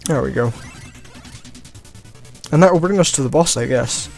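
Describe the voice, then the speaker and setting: A let's play host offers relaxed gameplay commentary in a mid-range, creaky voice at normal speed. He often chuckles and trails off into shrugging asides, with faint game music in the background.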